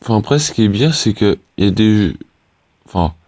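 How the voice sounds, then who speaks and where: Teen male gamer, low voice, casual hesitant rambling commentary, dry sound. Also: expressive, a little fast, a little mellow, no echo. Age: teenager. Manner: rambling and hesitant, many fillers and restarts. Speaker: gaming YouTuber.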